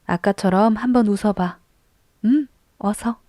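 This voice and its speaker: A woman reading a gentle, soothing young lady. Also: medium pitch, no echo, clean studio sound, pitched above the performer's own voice, close to an everyday voice. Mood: tender. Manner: soft, slow and comforting. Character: gentle kind young lady of a rich house.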